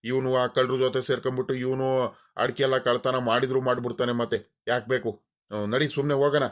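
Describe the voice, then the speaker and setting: A man's voice: mid-range voice, little pitch movement, brisk, close to an everyday voice. A man voicing a scolding village father. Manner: scolding, grumbling, repeats himself. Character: angry worried father, village landowner, middle-aged man. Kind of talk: cartoon voice acting.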